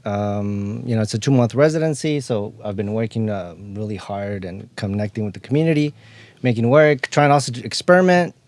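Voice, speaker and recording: Easygoing Mexican-born guest artist, dry studio sound. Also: male voice, lowish voice, brisk, darkish tone, no echo. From born in Mexico, raised near Chicago. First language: Spanish. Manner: laid-back, laughs often, many "like" fillers. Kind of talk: casual chat. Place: podcast studio.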